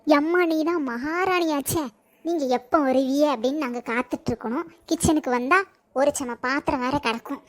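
A woman's voice: high-pitched, normal speed, close to an everyday voice. A woman playing a nagging, self-pitying older mother-in-law in a comedy skit, grumbling and whiny. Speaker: comedy sketch actor.

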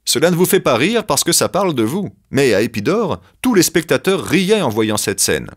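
A man's voice: on the high side, sing-song, moderate pace, pitched above the performer's own voice. A man voicing a young male actor in a children's audiobook, defending himself indignantly.

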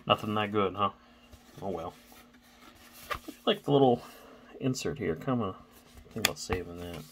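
Low gravelly-voiced man rambling casually. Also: a bit bright, a little hiss or hum. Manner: rambling, stammering, thinks aloud. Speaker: card-opening channel host.

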